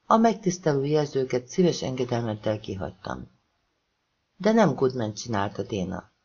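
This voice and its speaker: A man's voice: mid-range voice, sing-song, darkish tone, slightly rough, highs cut off. A man voicing a blunt, sardonic female police detective.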